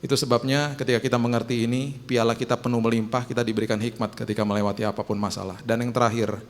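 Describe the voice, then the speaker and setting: Pastor preaching in a reverberant church hall. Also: male voice, fast talker. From Indonesia. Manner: conversational, rising to animated high-pitched emphasis. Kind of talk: sermon. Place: church auditorium.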